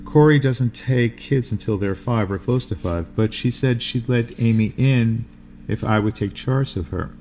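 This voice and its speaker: A man, hosting a podcast, reading a first-person novel aloud in a measured, unhurried way, with allergies. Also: medium pitch, a little mellow, slight background noise. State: sneezing from allergies.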